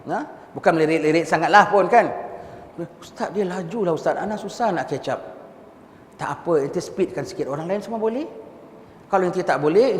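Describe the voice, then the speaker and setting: A man from Singapore with a Singaporean Malay accent, giving a conversational mosque lecture. He mixes in English words and often checks his listeners with a quick "ha?". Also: on the high side. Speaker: religious teacher. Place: large mosque hall. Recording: echoey hall with long reverb and faint background noise.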